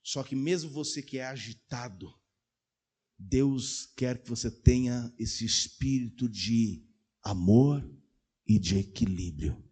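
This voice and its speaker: A man preaching a sermon as pastor, telling stories and acting out dialogue, swinging from quiet asides to loud exclaimed peaks. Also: mid-range voice, takes it slowly, husky. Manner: acts out dialogue in quoted voices. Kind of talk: sermon with storytelling.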